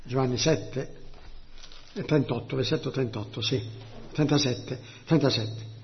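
A man's voice: mid-range voice, a little slow, a little hiss or hum. A man preaching a sermon, often crying alleluia and putting questions to the congregation. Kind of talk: Pentecostal-style sermon. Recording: dull lo-fi church recording.

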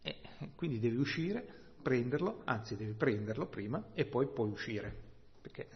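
Preacher in a reverberant hall. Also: male voice, medium pitch. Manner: slow, emphatic Bible exposition with rhetorical "no?" and "hm?". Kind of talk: sermon. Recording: dull, long-reverb church hall sound.

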